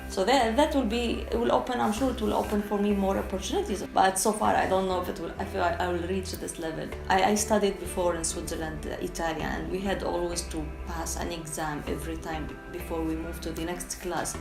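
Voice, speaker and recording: Featured as a documentary interviewee, a Syrian freelance translator with an Arabic accent speaks openly and casually, frequently hesitating as she reaches for words in her second language. Her lowish, steady voice is brisk with vocal fry and few pauses, sounding reverberant over music.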